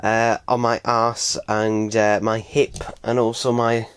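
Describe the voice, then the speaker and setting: A man's voice: on the low side, completely flat delivery, takes it slowly, clean tone, no room sound. A man casually unboxing items at home, rambling with many fillers and casual swearing, sore after a fall. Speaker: unboxing vlogger. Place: small room at home. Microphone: close desk microphone.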